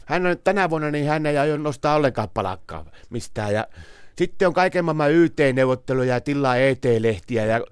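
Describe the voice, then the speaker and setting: A man's voice: medium pitch, clean tone, no room sound, studio quality, lightly acted. A man playing Veijo, a muddled henpecked man. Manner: rambling, muddled, excitable. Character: bewildered henpecked Finnish man Veijo, naive. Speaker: comedy sketch character. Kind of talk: scripted comedy dialogue.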